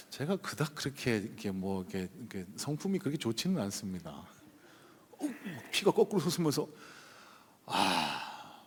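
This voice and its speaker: A husky, medium-pitched man's voice tells a personal story during a sermon. He is a pastor speaking from the pulpit, chatty and hesitant with many fillers, while the church hall adds a long reverb.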